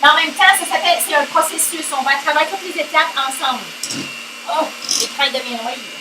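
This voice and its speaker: A woman's voice: high voice, brisk, distant mic. A woman with a Québécois accent hosting a playful, jokey home cooking vlog, slipping English words in and singing little chants. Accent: Québécois French. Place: home kitchen. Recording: echoey kitchen with loud mixer noise. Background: electric hand mixer whirring.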